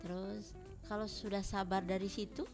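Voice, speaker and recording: A woman's voice: mid-range voice, level tone, normal speed, music in the background. A middle-aged woman guest on a radio talk show, giving plain, short answers and frequent murmurs of agreement. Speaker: guest, knitting shop owner.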